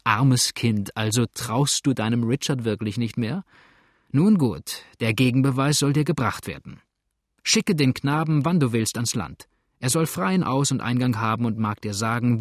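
A man's voice: mid-range voice, lively intonation, normal speed, no room sound, clean studio sound, natural voice. A man voicing a persuasive, commanding sea captain in an audiobook.

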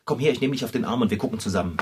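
An actor playing an excitable, flustered bicycle repairman in a children's radio play. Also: medium pitch, very fast, background noise, natural voice. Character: excitable, jumpy bicycle repairman, the cat's owner.

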